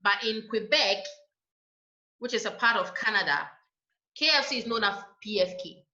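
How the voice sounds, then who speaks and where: A woman lecturer giving a university lecture, explaining points in a measured way and checking in with "right?". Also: mid-range voice, expressive, sharp tone. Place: lecture room. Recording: echoey room, dull lo-fi sound.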